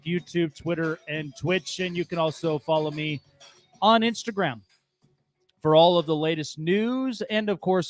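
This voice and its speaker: A man with a high-pitched voice hosts a live sports talk show. He is emphatic, with the punch of an announcer. The sound is close and dry. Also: no room sound.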